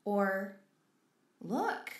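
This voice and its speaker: A woman's voice: medium pitch, big pitch swings, extremely slow, roomy sound, far from the mic, a little hiss or hum. A woman playing an obsessive, lovesick female maid robot in an audio role-play, with clingy, menacing, unhinged villain sweetness. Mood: puzzled, uneasy.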